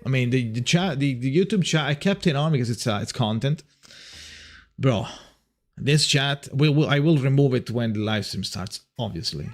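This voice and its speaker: A man's voice: mid-range voice, expressive, moderate pace. Italian man chatting on a livestream. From Italy. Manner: rambling, reads chat aloud, frequent restarts. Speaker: livestream host. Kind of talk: casual chat with viewers.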